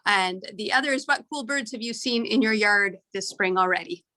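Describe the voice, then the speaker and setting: A woman's voice: medium pitch, normal speed, sharp tone, no room sound. A woman hosting an event on a video call, making chatty announcements. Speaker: event host.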